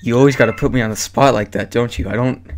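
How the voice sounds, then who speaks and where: A man's voice: medium pitch, fast. A teenage boy co-hosting a casual podcast, easygoing and laughing, with lots of "like.". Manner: easygoing, laughs a lot, says "like" a lot. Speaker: podcast co-host. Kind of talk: casual chat.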